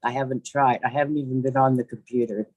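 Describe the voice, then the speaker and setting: A man calling into a webinar, giving an earnest, devotional testimonial in a slow, reassuring way. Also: mid-range voice, fairly even intonation, a little mellow, no echo, rough recording. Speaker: webinar caller. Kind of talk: casual testimonial on a webinar call.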